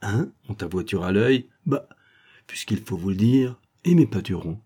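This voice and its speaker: A man's voice: lowish voice, expressive, normal speed, warm tone, breathy edge. A man voicing an eager streetwise boy errand runner who talks in slang. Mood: cocky. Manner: slangy, pleading.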